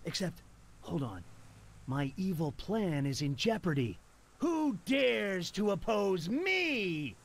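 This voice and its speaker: A man voicing a gloating video game villain with slow, theatrical menace who self-consciously rehearses his evil delivery. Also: high-pitched, big pitch swings, vocal fry, heavily acted. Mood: scheming, self-satisfied.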